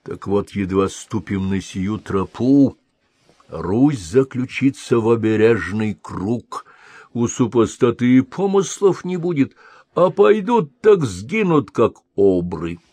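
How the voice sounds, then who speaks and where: A man's voice: mid-range voice, sing-song, slow, warm tone, no room sound. A man voicing a stern old male sage who scolds and grumbles, in an audiobook reading. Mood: scolding.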